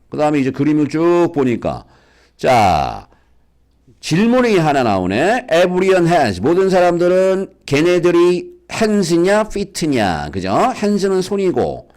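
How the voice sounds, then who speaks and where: A man teaching a basic English reading lesson to schoolchildren, coaxing them along with frequent questions. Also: fairly high pitch. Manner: lively, coaxing, asks students questions. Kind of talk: lecture for school kids.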